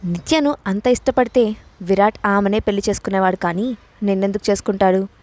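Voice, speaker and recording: A woman's voice: medium pitch, a little fast, dry recording, close to an everyday voice. A woman reading the part of a domineering young man who mocks and threatens in curt warnings. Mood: sarcastic.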